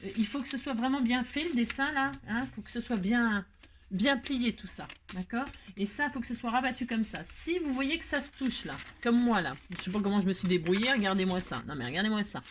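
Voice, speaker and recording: A woman's voice: fairly high pitch, lively intonation, brisk, slight background noise. A woman hosting a crafting tutorial, talking casually step by step, self-mocking and checking in with the viewer often. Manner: chatty, self-mocking, asks "hein?" and "d'accord?" often.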